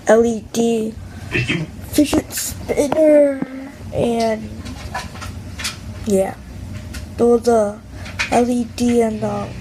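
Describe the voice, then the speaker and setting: Little girl vlogging w hiccups, tired n slow talking, halting, kinda noisy audio. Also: on the high side. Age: child, about 10. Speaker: gamer vlogger. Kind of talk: casual vlog.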